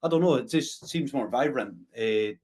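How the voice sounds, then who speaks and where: A man with a Scottish Highland accent hosting a casual interview, hesitant, repeating words and often tagging sentences with "eh". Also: expressive, normal speed, a little mellow, husky. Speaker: podcast host.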